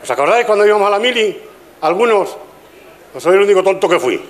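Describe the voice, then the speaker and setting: A man's voice: high voice, animated, fast. Spanish man telling jokes on stage. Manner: chatty joke-telling, teasing the audience. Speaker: stand-up comedian. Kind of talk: stand-up comedy routine at a gala. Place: live stage with audience.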